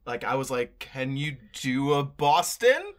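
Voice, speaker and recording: A man in his thirties chatting casually as a vlog co-host, explaining things in a halting way as he thinks aloud. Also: medium pitch, big pitch swings. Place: indoor room full of collectibles.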